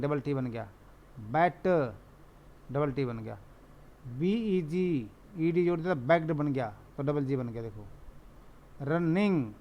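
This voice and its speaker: A male teacher with an Indian accent explaining spelling rules, reading English lines slowly and repeating each point in Hindi. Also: on the high side, muffled recording. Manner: repeats questions and answers them himself. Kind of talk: classroom lesson explaining rules.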